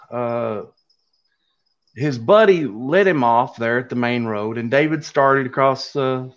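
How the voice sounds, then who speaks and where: Middle-aged male storyteller, Appalachian Kentucky accent, halting and folksy delivery, muffled low-fidelity recording. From Kentucky, USA. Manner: folksy, halting, unhurried telling. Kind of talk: casual oral storytelling. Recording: dull lo-fi audio.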